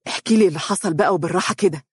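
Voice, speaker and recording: A narrator voicing an eager, affectionate young man who speaks with an Egyptian accent, rushing his words. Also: mid-range voice, fairly even intonation, darkish tone, slightly rough, no room sound, clean studio sound. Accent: Egyptian Arabic.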